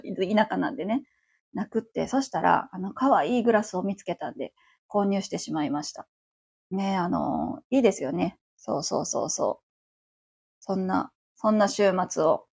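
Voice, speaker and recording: A woman's voice: medium pitch, gravelly, darkish tone, breathy edge. A woman around forty with a Kansai accent, chatting on her own as host of a livestream radio show, rambling along with many fillers. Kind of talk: casual solo chat.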